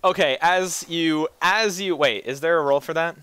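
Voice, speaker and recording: Male game master, wry and casual narrator, crisp bright voice, dry recording. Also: a little high, moderate pace, dry recording.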